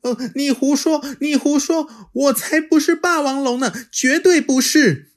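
A woman doing a high-pitched stubborn little dinosaur boy. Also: a little slow. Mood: protesting. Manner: high pleading childish voice. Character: young male dinosaur child, scared and stubborn.

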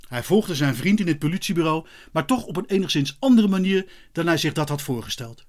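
A man narrating a children's story as an expressive, lively audiobook reading. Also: sits high.

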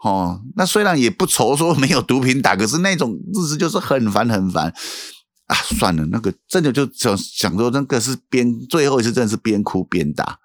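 A man with a Taiwanese Mandarin accent, a pastor telling his life story in an interview, halting and repeating words, often asking "you know?". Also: mid-range voice, very animated, no echo, studio quality. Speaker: pastor guest recounting his past. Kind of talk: emotional testimony in casual interview.

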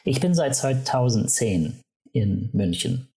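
A man from Canada, a native English speaker, giving spontaneous interview answers in German with a North American accent and halting, hesitant phrasing. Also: medium pitch, very animated, gravelly, mellow. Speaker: university vice president, interview guest.

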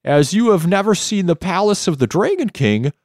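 Man reading as an obsequious high-voiced jellyfish flatterer, storybook read-aloud. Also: normal speed, dry recording, studio quality. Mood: flattering. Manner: high, sweet-talking voice. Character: eager, flattering male jellyfish servant.

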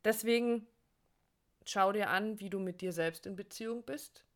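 A woman co-hosting a coaching podcast, speaking directly to the listener in a warm, encouraging way. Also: medium pitch, moderate pace. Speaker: co-host, relationship coach. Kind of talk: conversational podcast talk.

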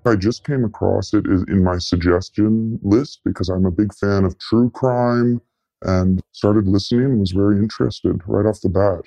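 Man with a disguised, very deep voice. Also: fairly even intonation, moderate pace, vocal fry, dark tone, no room sound, faint music behind, rough recording. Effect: voice altered and pitched down to hide his identity. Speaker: listener giving a tip. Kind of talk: recalled interview recollection.

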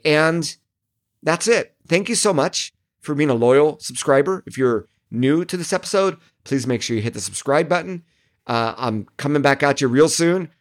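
Man coaching listeners from his home office. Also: on the high side. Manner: friendly, direct, coaching tone with asides. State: slightly losing his voice. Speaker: podcast host and digital marketing coach. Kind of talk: solo podcast monologue.

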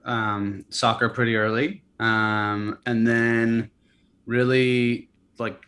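A man of medium pitch speaks at a slow pace in a casual interview. In his early thirties and a company founder from California and Hawaii, he stays relaxed but hesitant, with many fillers and self-corrections.

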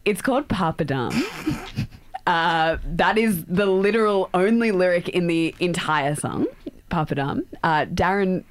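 A woman's voice: lowish voice, expressive, a little slow. A woman hosting a podcast, talking in a loose, chatty way with lots of fillers. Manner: chatty, uses many fillers, laughs easily. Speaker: podcast host. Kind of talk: casual chat.

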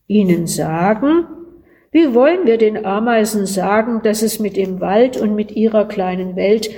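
Brief: a woman voicing a calm old lord, low, soft and slow, mellow storybook tone. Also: slight background noise, lightly acted. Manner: measured, gently urging. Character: calm, worldly-wise old male lord. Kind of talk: storybook reading.

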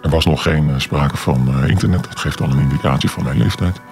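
A man in his forties being interviewed on radio, his voice disguised by a deep pitch-shift distortion. He talks hesitantly and deliberately, with many filler sounds. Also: gravelly, darkish tone, faint music behind. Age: 40s. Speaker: anonymous interviewee.

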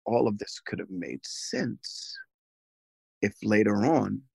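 A man's voice: fairly low pitch, lively intonation, slow pace, vocal fry, a little mellow, slightly rough, dry recording. A man in casual, opinionated podcast chat, often acting out imagined thoughts and questions. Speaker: podcast host.

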